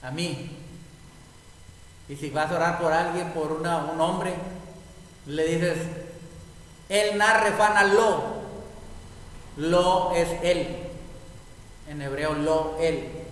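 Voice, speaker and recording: Male pastor, high voice, slow deliberate teaching, far from the mic, long hall reverb. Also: fairly even intonation. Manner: slow, deliberate explanation of each word. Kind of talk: sermon teaching on Hebrew prayer. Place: congregation hall. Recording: echoey hall, mic far off, faint noise.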